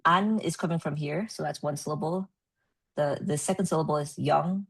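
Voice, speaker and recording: A woman presenting at a research meeting, explaining with many ums and pauses. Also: sits low, husky. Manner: hesitant, many ums and uhs.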